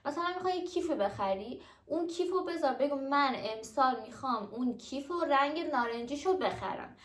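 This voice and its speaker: A woman's voice: sits high, lively intonation, fairly bright tone. A young adult woman talking casually and directly to her viewers in a chatty explainer vlog. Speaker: vlogger. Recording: echoey room.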